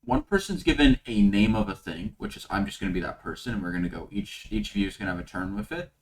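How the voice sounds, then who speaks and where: Man, slightly low voice, rambling quiz host, voice call, choppy bad connection, dropouts. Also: expressive, quick pace, low-quality recording. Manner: rambling, restarts sentences. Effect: voice cutting out on a bad call connection. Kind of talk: casual game chat over voice call. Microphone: voice chat mic.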